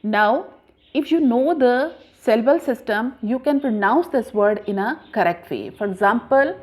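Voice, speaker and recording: Woman teacher explaining grammar, slightly high voice, slow and patient, lots of uh's. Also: expressive, husky. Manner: patient, spells words out letter by letter, frequent "uh" fillers. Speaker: English teacher. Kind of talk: classroom grammar lesson.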